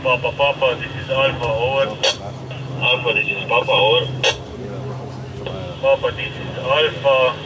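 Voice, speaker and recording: A man speaking in clipped radio procedure over a walkie-talkie, his voice played through loudspeakers at an outdoor military exercise. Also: mid-range voice, fairly even intonation, measured pace, long pauses, background noise. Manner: terse call-and-answer radio talk. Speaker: soldier on the radio. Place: outdoor military training area.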